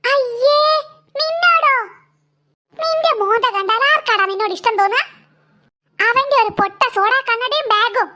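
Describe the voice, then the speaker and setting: A voice actor playing a bossy, sharp-tongued schoolgirl in an animated cartoon. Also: very high voice, moderate pace, pauses often, heavily acted. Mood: scornful. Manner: mocking, scornful.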